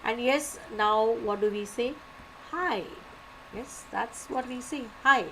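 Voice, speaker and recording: A woman lectures online, slightly high-pitched and animated. She keeps asking questions and answering them herself, repeating words for stress. A faint hiss sits under her voice. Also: measured pace, rough recording. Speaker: teacher.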